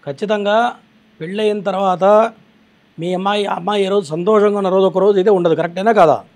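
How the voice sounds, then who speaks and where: A man with a high voice who talks fast, answering callers as an astrologer. He lectures with authority and keeps asking callers to agree with him, in the style of a live call-in consultation. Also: fairly even intonation, darkish tone.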